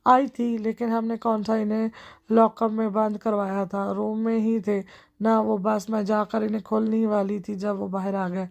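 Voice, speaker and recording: A playful young wife with a mocking edge, as a woman reads her lines. The voice is dark and mellow with a gravelly texture. It stays within a fairly flat range. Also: medium pitch, muffled recording, close to an everyday voice. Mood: sheepish. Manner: cheeky, mocking.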